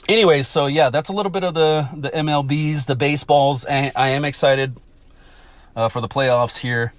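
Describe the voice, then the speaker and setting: A man's voice: fairly high pitch, steady tone, moderate pace, no room sound. An American man from Texas with a congested, blocked-nose voice, hosting a casual, rambling, sweary sports chat. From Texas, United States. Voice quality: stuffy, congested nasal voice. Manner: rambling, profane. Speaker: podcast host.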